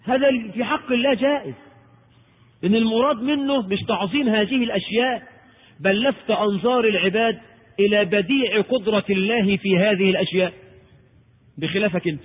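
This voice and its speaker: High-voiced Egyptian preacher on tinny tape. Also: male voice, fairly quick, husky. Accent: Egyptian Arabic. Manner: animated and rhetorical, asks and answers his own questions. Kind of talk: recorded Islamic lecture. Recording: tinny old tape in a reverberant hall.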